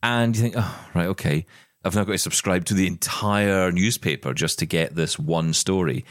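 In clean studio sound with no echo, a middle-aged podcast co-host speaks in a low voice at a moderate pace. The chat is casual, though he's impassioned and emphatic, frequently starting his sentences over.

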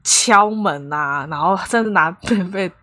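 A woman's voice: lowish voice, a little slow, pushed and bright. A woman, co-hosting a podcast in a casual, playful and teasing way. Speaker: podcast co-host. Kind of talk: casual chat.

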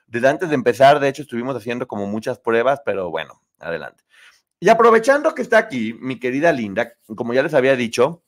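A chatty man with a Mexican Spanish accent hosts a live stream. He talks straight to his viewers, reads their comments aloud and laughs often. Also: medium pitch. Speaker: host.

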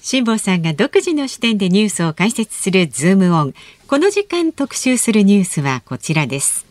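A woman's voice: medium pitch, sing-song, brisk, no echo. A woman co-hosting a radio show, reading listener mail and notices, giggly in the banter. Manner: bright, giggly, reads notices smoothly. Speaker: radio announcer and co-host.

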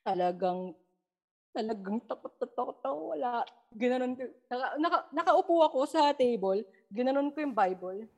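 A woman's voice: a little high, normal speed. Young Filipina woman, guest storyteller, chatty, code-switching, acts out quotes. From Philippines. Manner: mixes English into Tagalog, animated retelling with quoted dialogue. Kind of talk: casual storytelling chat.

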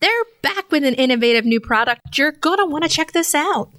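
A woman co-hosting a podcast, reading sponsor spots and chatting in a bubbly, excitable way. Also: high-pitched, fairly quick, dry recording, studio quality. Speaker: podcast co-host. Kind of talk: casual podcast chat and ad reads.

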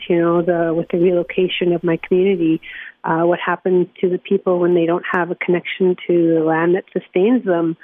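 An interview guest from northern Manitoba, Canada, who is executive director of a watershed alliance, speaks by phone in a fairly low voice. She sounds earnest and reflective and uses many fillers. The recording is dry, over a tinny phone line.

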